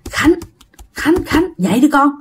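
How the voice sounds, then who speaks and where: A frightened middle-aged mother from a spoken ghost story, as a woman narrator puts her on. She has a Southern Vietnamese accent and urges her son on anxiously, in a fairly high voice. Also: very animated, measured pace, slight background noise. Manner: anxious urging.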